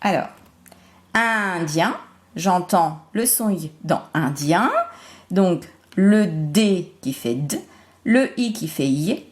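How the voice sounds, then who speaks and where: Woman, primary teacher, remote phonics lesson; unhurried, animated pitch, deliberate letter-by-letter delivery. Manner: slow, deliberate, spells out syllables and sounds.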